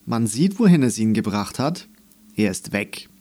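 A man's voice: on the low side, big pitch swings, unhurried, warm tone. Man voicing a grumbling grumpy unicorn-like beast. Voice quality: grumbling, curt. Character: grumpy gruff male not-unicorn creature.

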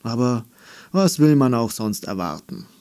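A man voicing a grumpy, greedy, fat male non-unicorn in a storybook reading, grumbling gruffly. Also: medium pitch, sing-song, unhurried, dark tone.

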